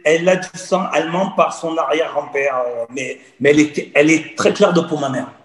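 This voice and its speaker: A man's voice: a little high, fairly quick. A man in his forties from Cameroon, telling his personal story as a guest in an earnest, repetitive way. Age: 40s. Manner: earnest, storytelling, repeats phrases. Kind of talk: personal testimony in conversation. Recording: roomy echo.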